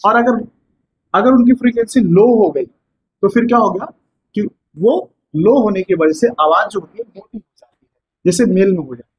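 High-voiced male teacher, lecture style. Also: moderate pace, dull audio, slight background noise. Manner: explains step by step with rhetorical questions and "है ना" checks. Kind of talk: exam-prep lecture. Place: classroom with whiteboard.

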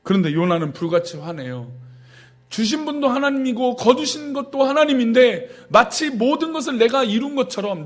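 A male pastor giving a sermon, reading scripture aloud and acting out indignant quotes with lively emphasis. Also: high-pitched.

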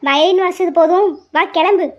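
A woman with a very high voice doing cartoon character voices. She scolds and orders others around in a bossy tone. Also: a little fast, a little mellow, dull audio. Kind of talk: cartoon story voice acting.

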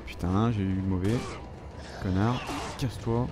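A man's voice: fairly low pitch, steady tone, measured pace. A French man commenting on his own gameplay, swearing and reacting as he plays. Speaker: gamer. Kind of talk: let's play commentary. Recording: noisy background.

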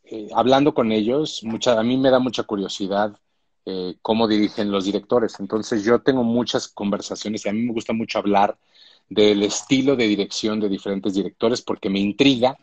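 A man's voice: fairly low pitch, dry recording. A man, speaking as a showrunner guest in a casual live-stream interview, thoughtful and full of restarts. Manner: thoughtful, reflective, with frequent restarts. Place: indoor room at home. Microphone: phone or laptop on a video call.

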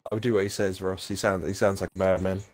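A man in casual gaming banter who gets excitable and shouts out callouts to his teammates. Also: low voice, quick pace. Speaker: gamer playing with friends.

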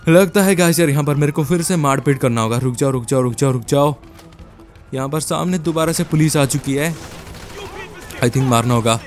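Faint music plays behind a young man whose voice sits on the high side as he delivers an excited Let's Play for his YouTube viewers. Calling them "guys," he talks in slangy, casual Hinglish as if he were the game character, firing off repeated words in frantic bursts.

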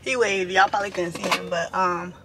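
Speaking fairly quickly in a steady, fairly low voice, a woman in her twenties chats casually with her viewers. The indoor vlog takes place in a parked car and in a room at home, captured by a camera propped close or held at arm's length, with noisy ambient audio.

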